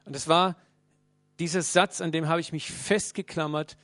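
A man preaching a sermon, speaking earnestly and directly to his listeners, swinging between loud and hushed. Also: on the high side, steady tone, normal speed, no room sound.

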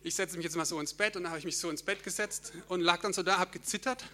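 A young man tells his testimony to a church audience. His voice sits high and sounds bright and forward. He tells the story vividly, laughs at himself and sometimes sings short bits of hymns. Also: fast. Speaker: church speaker sharing a testimony. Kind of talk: personal testimony in a church talk.

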